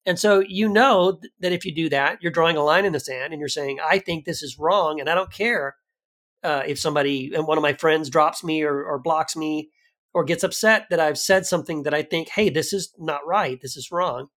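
Animated man in casual conversation. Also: fairly high pitch, fairly quick. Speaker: podcast co-host.

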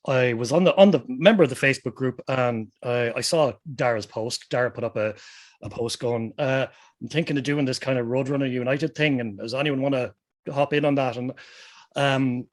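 A man's voice: mid-range voice, moderate pace. A man from Westmeath with an Irish accent, telling things casually as a musician guest, informal and self-deprecating. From Westmeath, Ireland. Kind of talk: casual anecdotal chat.

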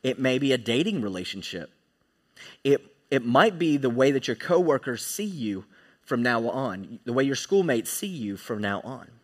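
A man's voice: mid-range voice, very animated, normal speed. A man preaching a sermon in church, emphatic and often checking in with his listeners. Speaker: pastor.

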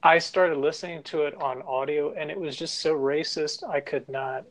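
A man co-hosting a podcast, talking casually in a halting way with many restarts. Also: a little high, steady tone, low-quality recording. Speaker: podcast co-host. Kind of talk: casual discussion.

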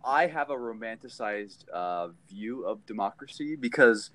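A man from California, a guest on a call, thinking out loud with many pauses and ums. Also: on the low side, animated, no echo. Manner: thoughtful, hesitant with many ums. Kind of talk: casual discussion over a call. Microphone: phone on a call.

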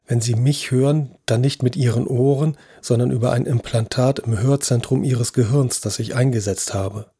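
A man voicing a calm, patient male neurosurgeon who speaks in a soft-spoken, reassuring way. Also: mid-range voice, normal speed, few pauses, breathy edge, dry recording, clean studio sound. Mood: soothing. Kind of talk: audio drama acting.

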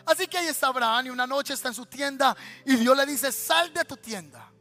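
A Colombian male pastor preaching a sermon, telling stories in a lively, colloquial way and speaking straight to his listeners. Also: very high-pitched, fast, faint music behind. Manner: storytelling, lively and colloquial, addressing listeners directly.

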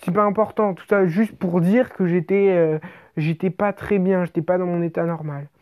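A woman's voice: fairly low pitch, steady tone, normal speed, no echo, lo-fi sound. A woman telling an absurd comic story in the first person, in casual slang and with lots of rambling and restarts.

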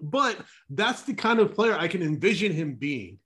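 A man's voice: high-pitched, sing-song, moderate pace, fairly bright tone. A man co-hosting a sports podcast, rambling earnestly and repeating words as he builds his point. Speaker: podcast co-host. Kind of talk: casual sports chat.

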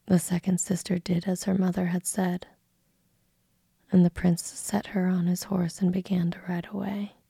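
Woman storyteller, ASMR fairy tale in a soft whisper, husky and gravelly, close and dry. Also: lowish voice, little pitch movement, normal speed, dry recording. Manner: soft unvoiced whisper throughout.

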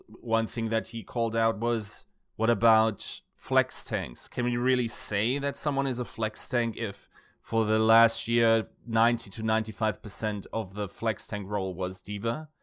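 A man's voice: on the low side, smooth, no echo, clean studio sound. A man giving an analytical video essay, thinking aloud with rhetorical questions and frequent self-corrections. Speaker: esports analyst.

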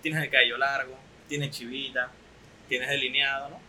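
A man's voice: mid-range voice, little pitch movement, moderate pace, pushed and bright, slight background noise, poor audio. A young man with a Venezuelan accent hosting a casual podcast interview, chatty and teasing. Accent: Venezuelan Spanish. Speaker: podcast host.

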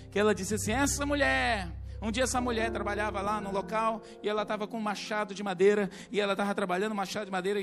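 A male preacher with a high, gravelly voice delivers an animated sermon in a church service, telling stories and calling on the congregation to respond. Music plays behind him. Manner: animated storytelling, calls on the congregation.

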